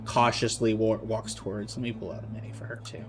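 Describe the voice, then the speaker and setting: A man, narrating a tabletop game as game master, relaxed and full of fillers. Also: fairly low pitch, a little fast, over loud music. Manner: relaxed, rambling, many fillers.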